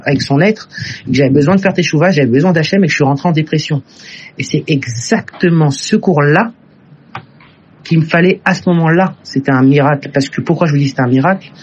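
A man's voice: fairly high pitch, a little mellow, slightly rough, dull audio. A man telling an emotional personal story in an earnest way. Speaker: testimony teller. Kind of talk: personal testimony.

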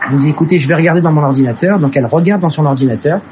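A man's voice: on the high side, racing, a little mellow, lo-fi sound, slight background noise. A man telling an emotional personal story in an earnest way. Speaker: testimony teller. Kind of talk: personal testimony.

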